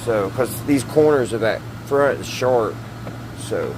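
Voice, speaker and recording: With lively intonation in a mid-range voice, a middle-aged radio repair hobby host speaks slowly as he tinkers hands-on. He chats and thinks aloud in a folksy, hesitant, casual style inside a small wood-panelled indoor workshop, with background noise throughout.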